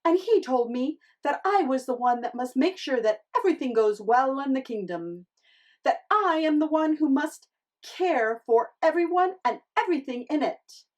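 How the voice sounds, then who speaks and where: A woman's voice: sits high, lively intonation, normal speed. A woman voicing a bossy, discontented fisherman's wife in a storybook tale, with a dramatic, exclaiming delivery. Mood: exasperated, complaining. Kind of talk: storybook character acting.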